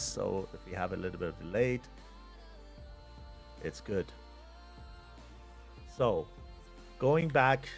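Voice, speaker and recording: A man's voice: lowish voice, vocal fry. A middle-aged man from Iran, unhurriedly thinking aloud as he commentates a live flight-sim tournament from home. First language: Persian. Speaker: stream commentator.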